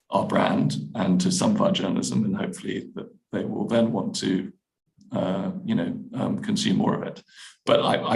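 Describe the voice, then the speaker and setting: A man's voice: lowish voice, vocal fry, a little mellow, poor audio. A man, an app editor, answering questions in a webinar, hesitant with many restarts and fillers.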